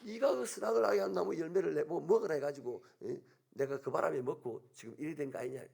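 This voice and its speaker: A man's voice: a little high, fast, vocal fry, breathy edge. A man playing an enraged blaming husband. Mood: angry. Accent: Gyeongsang Korean. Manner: hot-tempered, shouting accusations.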